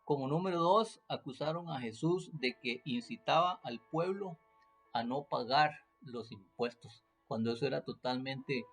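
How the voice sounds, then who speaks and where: Man, teaching scripture off the cuff; rough fry in the voice, lots of fillers and restarts. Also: medium pitch, unhurried, fairly bright tone, soft background music. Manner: hesitant, many fillers and restarts, rhetorical questions. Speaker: preacher. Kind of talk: unscripted Bible teaching.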